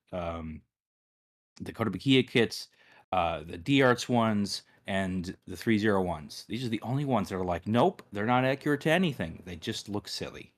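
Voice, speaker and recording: A man co-hosting a casual live-stream chat, rambling and restarting his sentences, often trailing off quietly. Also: sits low. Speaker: co-host.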